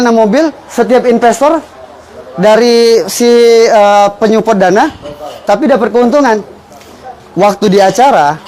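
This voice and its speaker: Man, high voice, motivational sales presenter, persuasive, frequent rhetorical questions. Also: darkish tone, a little hiss or hum, poor audio. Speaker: business presenter explaining a fertilizer sales strategy. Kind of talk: motivational business pitch, informal explaining.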